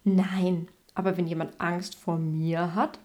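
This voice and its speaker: A woman voicing a calm, friendly big male dog in a storybook reading. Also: on the low side, slow pace.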